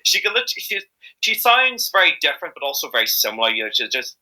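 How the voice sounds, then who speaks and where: Speaking fast in a fairly high, sharp, very animated voice, a man from Ireland chats as an interview guest about his amateur fandub voice acting. He comes across as hesitant and rambling but enthusiastic, in an Irish accent, on a low-quality recording.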